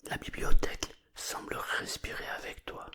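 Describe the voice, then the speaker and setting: This is a bedtime story told in a whisper, breathy and murmured. The narrator keeps it hushed and comforting, pausing softly from phrase to phrase.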